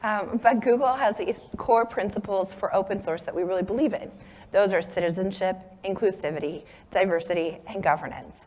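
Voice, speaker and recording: A woman with laryngitis and a shaky, hoarse voice, speaking earnestly as co-facilitator at a conference. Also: medium pitch, brisk, a little mellow. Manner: earnest, apologetic. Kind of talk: conference talk. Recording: long hall reverb.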